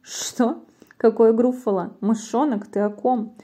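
A woman's voice: a little high, steady tone, unhurried, dark tone. A woman doing a sly hissing snake. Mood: coaxing, sly. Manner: hissing, coaxing, breathy. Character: sly hungry female snake. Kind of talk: storybook reading in verse.

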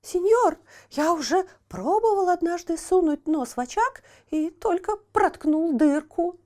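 A woman voicing a whiny, pitiful wooden puppet boy who wails his pleas in a high, shrill voice. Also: animated, unhurried, a little mellow. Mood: pleading. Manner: wailing, sobbing pleas.

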